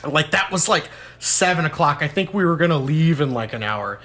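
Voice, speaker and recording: A young man, a podcast host, telling a story in casual chat, animated and swearing, breaking into high shouts when he quotes someone. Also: fairly quick. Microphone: podcast mic, low-quality audio.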